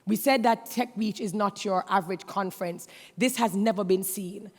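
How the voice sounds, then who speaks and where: A woman's voice: medium pitch, normal speed. A woman hosting a conference, introducing the keynote speaker from the stage in an announcer's manner. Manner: announcing, builds to an excited intro. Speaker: conference host. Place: conference stage in a large hall. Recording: long hall reverb.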